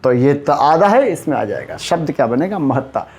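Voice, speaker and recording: A man's voice: on the high side, sing-song, darkish tone. A man teaching a spoken grammar lesson, stressing and repeating each correct word form and speaking straight to his students. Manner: emphatic, repeats correct word forms slowly; addresses students directly, asks and answers himself.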